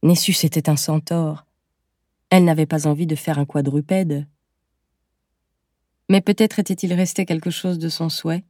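Low, mellow woman narrating a story. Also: steady tone, no echo, clean studio sound. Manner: measured, gentle storytelling. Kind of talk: scripted audiobook narration.

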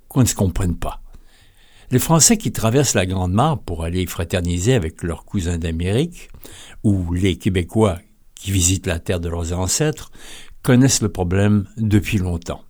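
A man's voice: fairly low pitch, mellow. A man from France with a French accent, telling humorous stories in a wry, literary, playful way. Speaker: storyteller. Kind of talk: humorous storytelling monologue.

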